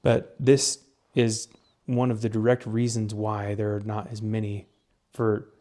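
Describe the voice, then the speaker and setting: A man's voice: lowish voice, monotone, measured pace, dark tone. A young man co-hosting a casual podcast, explaining research in a rambling way, with lots of fillers and restarts. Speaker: podcast co-host presenting research. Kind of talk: casual chat.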